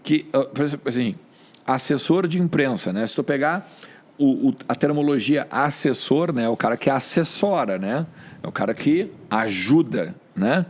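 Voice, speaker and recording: A middle-aged man with a Rio Grande do Sul accent, a sports journalist telling stories in an animated, colloquial way on a podcast. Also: medium pitch, moderate pace. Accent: Rio Grande do Sul Portuguese. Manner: animated, colloquial, with frequent filler tags. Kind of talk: casual podcast storytelling.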